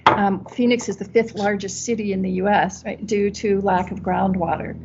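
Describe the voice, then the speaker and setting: A woman's voice: mid-range voice, fairly even intonation, normal speed, very noisy. A woman co-presenting a conference talk, chiming in with reflective comments. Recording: muffled lo-fi recording.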